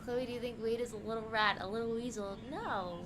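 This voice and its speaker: A woman's voice: fairly high pitch, steady tone, a little fast. A woman co-hosting a livestream, chatting casually with viewers in informal, slangy language with some swearing. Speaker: livestream co-host. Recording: clearly noisy room recording.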